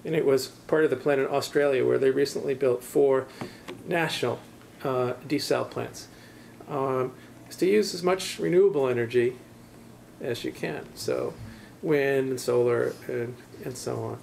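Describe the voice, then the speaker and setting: A man's voice: medium pitch, steady tone, moderate pace, creaky, a little mellow, a little hiss or hum. A middle-aged man lecturing in a university classroom, answering audience questions in a thoughtful, hedging way with many restarts.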